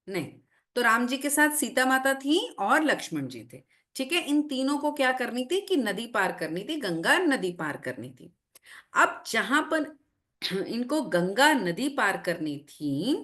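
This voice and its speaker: Lively woman telling a story to a class. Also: fairly high pitch. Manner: lively, checks in often with the class. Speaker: online class teacher. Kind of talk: storytelling lesson to children on a video call. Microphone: video call.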